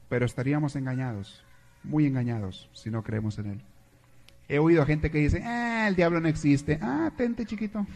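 A man, a priest giving a sermon in a storytelling, joking manner. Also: a little high.

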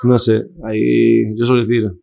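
A man's voice: medium pitch, monotone, normal speed, vocal fry, a little mellow. A young man from Spain, a podcast guest telling stories in casual chat, full of fillers and acted quotes.

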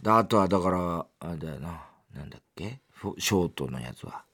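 A man's voice: sits low, animated, fast, fairly bright tone, slightly rough. A man hosting a radio show, reading listener mail aloud and chatting in a playful, teasing way. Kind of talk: casual radio chat.

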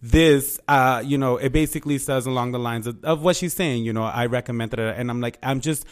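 A man's voice: mid-range voice, a little fast, clean tone. Sassy, foul-mouthed man ranting casually. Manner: profane, slangy, sassy; animated storytelling, acting out quoted exchanges. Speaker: podcast host. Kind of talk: casual ranting monologue to listeners.

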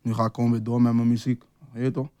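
A young man talks in a relaxed, laid-back way, dropping street slang and filler tags into every sentence. His voice is dark and mellow, and it sits dry and close to the mic. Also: medium pitch, racing, no room sound. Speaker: rapper guest. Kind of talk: casual interview chat.

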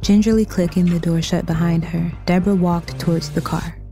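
A woman reading a scripted story narration in a measured storytelling manner. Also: lowish voice, fairly even intonation, music in the background.

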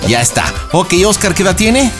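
A man's voice: sits high, sing-song, normal speed, over music. A man hosting a radio prank show, teasing and playful. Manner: playful, teasing, goes loud when playing the rowdy lover. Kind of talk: radio prank call banter.

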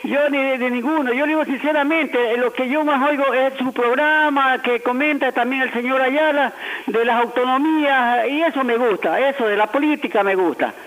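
A man's voice: very high-pitched, normal speed, fairly bright tone. A man calling in to a radio show over the phone, talking in a chatty, frank, rambling way. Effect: heard over a phone line. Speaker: radio call-in listener. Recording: tinny phone line with faint noise.

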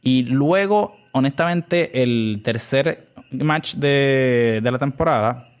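A young man with a Puerto Rican accent talks through his podcast in a loose, chatty way. He leans on fillers and slips English words into his speech, at a middle pitch for a man. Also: slow, clear, resonant tone. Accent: Puerto Rican Spanish. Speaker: podcast host. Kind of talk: casual podcast monologue.

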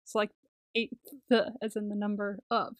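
A young woman co-hosting a podcast, chatting casually and excitably, gushing, swearing freely and rambling with lots of "like". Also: mid-range voice, moderate pace, dry recording, studio quality. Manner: rambling, peppered with "like". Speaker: podcast co-host. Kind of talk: casual chat about a TV series.

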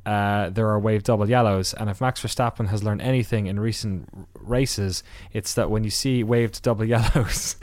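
Man with a smooth, dry voice recapping a race. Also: fairly low pitch, a little mellow, no echo. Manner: rambling with many fillers and restarts; wry asides. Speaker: podcast host.

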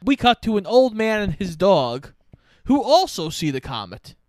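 A man's voice: sits high, sing-song, moderate pace, a little mellow, dry recording, studio quality. A young man co-hosting a casual movie review podcast, recapping the plot in an easygoing way. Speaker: podcast co-host.

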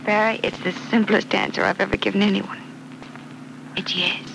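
An actress playing an affectionate, sensible young sweetheart in an old radio serial, speaking softly and earnestly. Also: female voice, mid-range voice, little pitch movement, normal speed, vocal fry, lightly acted. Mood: tender. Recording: noisy old radio recording.

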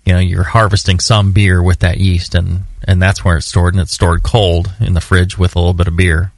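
A man's voice: low-pitched, little pitch movement, normal speed, no room sound, clean studio sound. A man co-hosting a homebrewing podcast, talking in a loose, rambling way with lots of fillers and some teasing. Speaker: podcast co-host. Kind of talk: casual podcast chat.

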